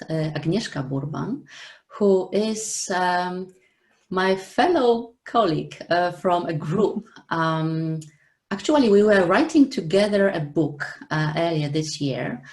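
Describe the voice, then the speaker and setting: A middle-aged woman hosting an online interview from home, speaking haltingly with many fillers. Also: fairly low pitch, darkish tone. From Poland. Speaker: host. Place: home room with shelves. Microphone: webcam on a video call.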